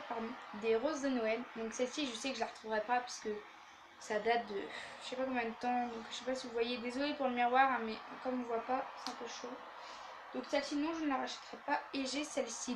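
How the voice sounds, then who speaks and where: A woman's voice: fairly high pitch, noisy background. A young woman reviewing her used-up beauty products in casual chat, tired after a day of classes and stumbling over her words, filmed in her bedroom by an open window. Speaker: beauty vlogger. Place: bedroom facing an open window, street traffic outside. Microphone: handheld camera without tripod.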